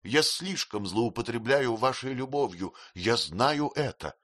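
A man's voice: medium pitch, very animated, a little slow, a bit bright, pitched above the performer's own voice. A man reading an audiobook voices a tearful, childlike young woman who sobs and pleads. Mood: sobbing remorse. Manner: sobbing, pleading.

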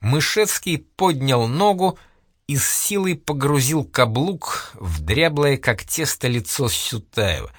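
A man's voice: medium pitch, lively intonation, takes it slowly, no echo, clean studio sound. A man reading a novel aloud with dramatic storytelling. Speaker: audiobook narrator. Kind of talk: expressive literary narration.

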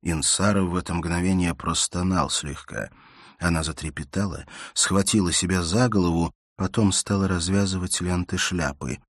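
A man narrates a classic novel in a measured storytelling voice. His tone is very low and husky. The sound is dry and close. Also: steady tone, dry recording. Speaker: audiobook narrator. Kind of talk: scripted literary narration.

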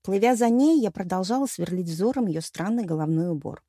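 A woman's voice: mid-range voice, expressive, brisk, dark tone, husky, no room sound, studio quality. A woman narrating a fantasy novel in the first person, with a wry, storytelling delivery. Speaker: audiobook narrator.

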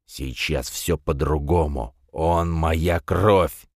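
A man voicing an angry, frightened lizard-man count who hisses and rasps his lines. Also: very deep voice, fairly even intonation, slow pace, no room sound, studio quality, exaggerated voice. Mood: hissing, resentful. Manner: hissing, hoarse.

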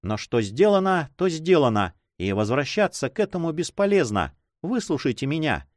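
A man's voice: fairly high pitch, big pitch swings, normal speed, no echo, clean studio sound, voice pushed up. A man voicing an anxious, pleading noblewoman who runs an inn, in a raised voice in an audiobook. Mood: urgent. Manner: insistent, pleading.

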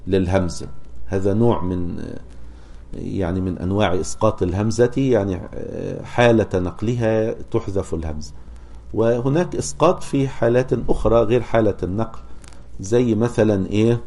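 A man gives a lesson in a low, mellow voice. He keeps posing rhetorical questions to his students. He slows into a measured chant for verses and examples. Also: creaky. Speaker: teacher of Quran recitation. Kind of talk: explaining a scholarly text to students.

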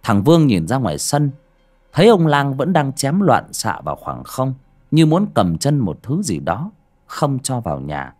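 A man's voice: medium pitch, very animated, measured pace, a little mellow. A man narrating an audiobook story in a dramatic manner. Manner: dramatic, varied delivery.

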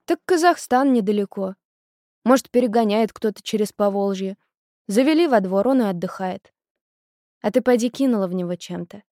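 A woman reading an audiobook, voicing a calm, matter-of-fact teenage boy who likes to explain things. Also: mid-range voice, moderate pace, dry recording, studio quality, lightly acted. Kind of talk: audiobook character voice.

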